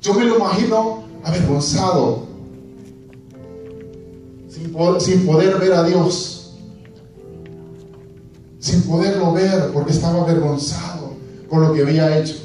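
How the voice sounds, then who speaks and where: A man's voice: on the high side, measured pace, long pauses, mellow, soft background music. A man preaching a sermon to a congregation, asking questions and acting out scripture scenes. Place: church hall. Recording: echoey church hall from far off.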